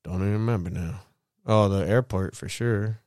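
Laid-back slangy man, smooth dry voice. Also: fairly low pitch, moderate pace, no room sound. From Southern California. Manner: laid-back, slangy, profane, lots of shout-outs. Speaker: vlogger. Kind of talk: casual storytelling monologue.

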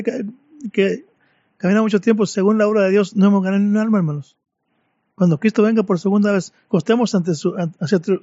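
Fervent male preacher, high but mellow voice, dull dry lo-fi audio. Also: no room sound. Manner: fervent, repeatedly addressing listeners as brothers. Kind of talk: sermon.

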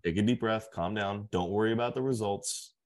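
A podcast co-host with a very deep voice talks hockey casually. He leans into his points, restarting and repeating words as he goes. It sounds like an informal chat among friends at the mic. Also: a little fast, a little mellow. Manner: emphatic, repeats words while building a point.

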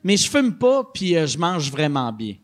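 A man's voice: on the high side, very animated, normal speed. A man in his forties with a Quebec French accent, hosting a casual podcast chat, joking crudely and mocking himself. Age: 40s. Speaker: podcast host.

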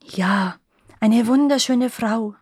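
A woman's voice: fairly high pitch, normal speed, no echo, lightly acted. A chatty palace guard from a storybook, dreamy and gossipy, passing on news in a confiding tone, as a woman reads him. The recording is close and dry.

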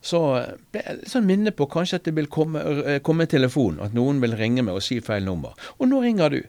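A man's voice: medium pitch, a little mellow, no echo. A man telling a personal faith story in casual conversation, earnest, hesitant and full of fillers and restarts. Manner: earnest, preacher-like retelling. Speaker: interview guest sharing a testimony.

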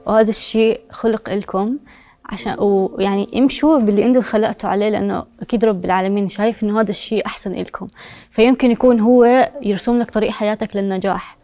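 A woman's voice: mid-range voice, steady tone, racing, mellow, faint music behind. A woman with a Levantine Arabic accent speaking earnestly as an interview guest, giving advice.

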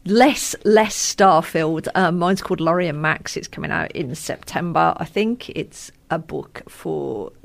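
A woman's voice: low-pitched, unhurried, vocal fry, few pauses. A woman, a novelist co-presenting a radio book show, chatting casually with wry humour and frequent laughter.

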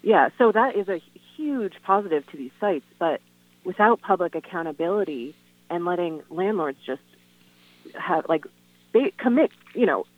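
A woman speaking over the phone as a guest on a call-in radio show, earnest and halting, with lots of "um" and "you know". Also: fairly low pitch, no echo. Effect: heard over the phone. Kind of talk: casual radio phone interview. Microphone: telephone. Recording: tinny, dry phone line.

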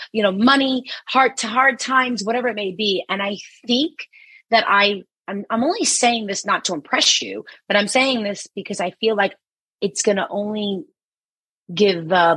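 A woman in her forties with a New York accent, co-hosting a casual podcast chat, animated and teasing, laughing often. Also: medium pitch, slightly rough, no room sound, low-quality recording. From Queens, New York. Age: 40s. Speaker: podcast co-host.

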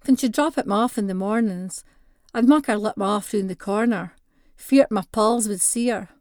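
A woman with a North-East Scottish (Doric) accent reads a first-person short story in dialect, expressively acting out the dialogue. Her voice is medium-pitched at a normal speed, recorded in studio quality with no echo.

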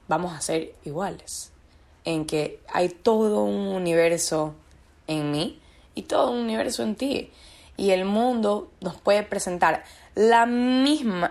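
A woman's voice: fairly low pitch, creaky. A woman as a podcast guest, talking about her own experience in an earnest, searching way and repeating words for emphasis. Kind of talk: reflective personal conversation.

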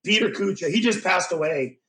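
A man speaks in a slightly raised register as a guest in a podcast studio. He tells his stories in a casual, animated way and acts out the dialogue. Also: high-pitched, a little fast, poor audio. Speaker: podcast guest, former pro wrestler. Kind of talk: casual storytelling interview.

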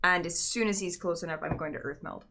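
A woman playing a tabletop game, lively and self-amused as she describes her moves. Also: lowish voice, fast, heavy background noise. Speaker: player.

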